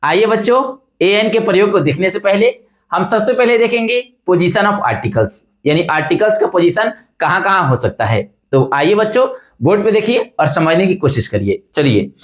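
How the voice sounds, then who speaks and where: A male teacher explains grammar with a lively, rising and falling voice, often asking a question and answering it himself. He talks to his class as children and points them to the board. His voice sits a little high for a man. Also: moderate pace. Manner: addresses students as children, asks and answers his own questions. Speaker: English teacher.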